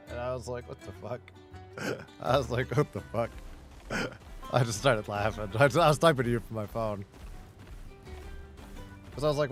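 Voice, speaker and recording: A man chatting casually with a friend while gaming, rambling and swearing heavily, with many restarts. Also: mid-range voice.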